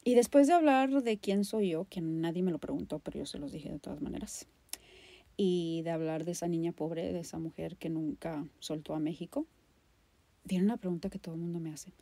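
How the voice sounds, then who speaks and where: A woman from Guadalajara, Mexico, hosts a podcast with a Mexican accent, talking a little fast in a warm, fairly low-pitched voice with no echo. Her poetic, personal monologue is passionate and emphatic, driven by dramatic repetition.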